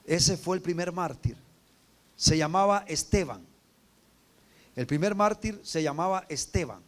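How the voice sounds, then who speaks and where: A man with a high, bright voice preaches with fervor, calling on his congregation to repeat lines and read along. His delivery rises and swells, breaking into full shouts at the peaks of his sermon. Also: measured pace. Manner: fervent preaching, swelling to shouts on quoted cries. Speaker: pastor.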